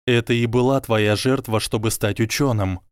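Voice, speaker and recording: Man voicing an earnest boy wizard, calm, lecturing, mid pitch. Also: normal speed, smooth, dry recording, clean studio sound, lightly acted. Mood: reasoning. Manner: calm, reasoning, quietly persuasive.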